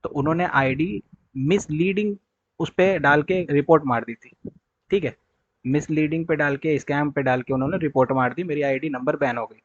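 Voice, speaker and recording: A man's voice: on the high side, moderate pace, dry recording, highs cut off. A young man teaching trading to his viewers in a blunt, scolding way, often checking that they understood. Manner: scolding, direct, repeats "clear?" and "okay".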